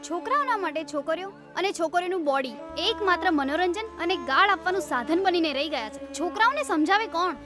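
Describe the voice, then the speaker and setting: An actress playing a kind female teacher who calmly explains things to a scared girl, over film music. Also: very high voice, brisk, few pauses. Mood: explaining. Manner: calm, explaining warmly.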